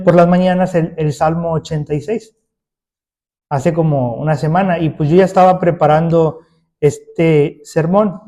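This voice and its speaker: A man's voice: sits high, warm tone. A man preaching a sermon as pastor, emphatic, putting rhetorical questions to his congregation.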